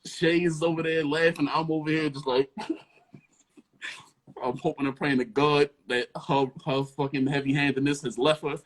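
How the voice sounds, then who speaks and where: A young man, a rapper and producer, telling a casual story with animated energy and acting out the voices of the people in it. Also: fairly high pitch, moderate pace.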